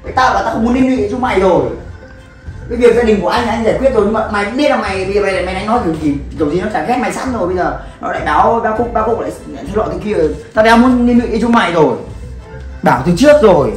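A man's voice: sits high, expressive, very fast, far from the mic. A man playing an older brother figure who bluntly tells the group to hold back, swearing and pleading in a staged comedy sketch. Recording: echoey room with faint music.

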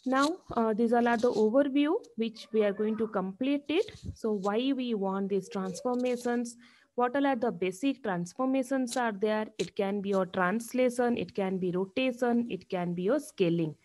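A woman lecturer with an Indian accent and a slightly high voice. She explains step by step in a classroom lecture style, like a professor teaching from slides, and often checks in with a short tag question. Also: moderate pace, darkish tone, a little hiss or hum, rough recording.

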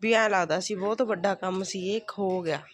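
A woman's voice: mid-range voice, normal speed. Chatty Punjabi village woman vlogging. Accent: rural Malwai Punjabi. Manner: homely, chatty, addressing viewers. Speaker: family vlogger. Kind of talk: casual daily village vlog chat. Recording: faint background noise, home vlog recording.

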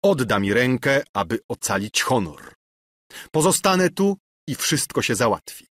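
A man reading an audiobook voices a passionate young male officer, loud, pleading and furious, in a slightly raised voice. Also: medium pitch, sing-song, a little slow. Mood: impassioned.

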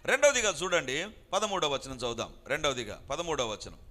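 A man's voice: a little high, very animated, brisk, bright, forceful tone. A man preaching a sermon, emphatic and repeating his phrases, dropping into English lines now and then. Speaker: pastor.

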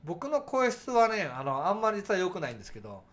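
A man's voice: sits high, huge pitch swings, quick pace, fairly bright tone. Nasal-voiced man chatting on a livestream. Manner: projects his voice to carry, chatty with frequent fillers. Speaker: livestream host. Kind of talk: casual chat reading viewer comments.

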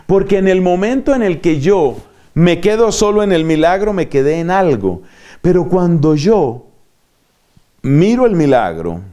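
Male preacher, teaching sermon, mellow voice, lively swinging pitch, acts out little dialogues. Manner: didactic, acts out little dialogues and asks rhetorical questions.

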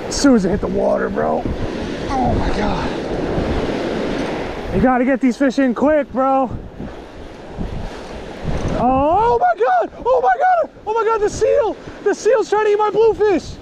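A man's voice: very high-pitched, big pitch swings, unhurried, long pauses. A young man fishing from the surf, talking in frantic, exclaiming bursts and calling his friend bro, filmed on a body camera. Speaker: fishing vlogger. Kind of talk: excited casual commentary while fishing. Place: windy ocean beach outdoors. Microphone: chest-mounted action camera. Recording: loud wind and surf noise.

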